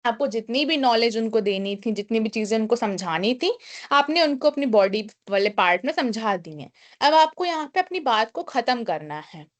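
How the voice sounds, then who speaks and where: A young woman leads a live online lesson, her voice slightly higher than most. She builds each point step by step, reads each English line slowly before restating it, and keeps dropping in a small filler phrase as she thinks. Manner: frequent filler "kya kehte hain". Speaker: online class teacher.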